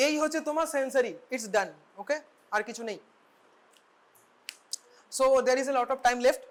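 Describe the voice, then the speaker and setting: Quick, bilingual woman lecturing medical students. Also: fairly high pitch, a bit bright. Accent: Bengali. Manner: switches between English and Bengali, quick asides with questioning tag words. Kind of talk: classroom lecture.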